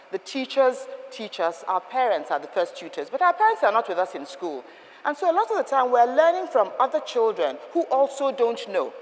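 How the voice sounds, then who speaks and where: A woman's voice: on the high side, a little mellow. A woman giving a firm, instructive talk on etiquette to a group, asking rhetorical questions. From Nigeria. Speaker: etiquette trainer. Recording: long reverb of a hall.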